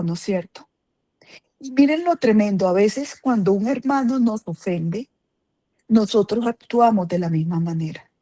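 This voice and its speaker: A woman's voice: medium pitch, warm tone, no echo. A woman teaching a Bible class, asking her listeners questions and repeating key phrases for emphasis.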